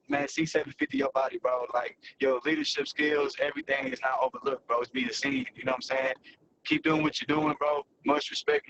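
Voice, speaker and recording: A man's voice: a little high, highs cut off, background noise. A man hosting a livestream, energetically hyping up his guests and filling his talk with "man" and "bro". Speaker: livestream host. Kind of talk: hype-filled livestream intro.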